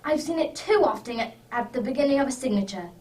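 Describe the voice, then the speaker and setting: A woman playing Sherlock Holmes as a hearty, emphatic gentleman detective in a radio drama. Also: sits high, animated, quick pace, distant mic. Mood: keen, urgent. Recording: off-mic with faint background noise.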